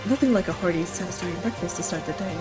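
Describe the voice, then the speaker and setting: A woman casually narrating a visual novel and reading its characters aloud, with playful, excitable reactions. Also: fairly low pitch, fast, music in the background.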